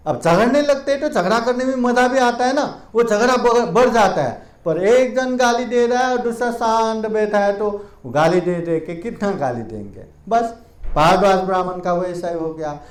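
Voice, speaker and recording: Male Buddhist monk, storytelling sermon, high voice, echoey temple hall. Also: animated. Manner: slow storytelling with repeated phrases.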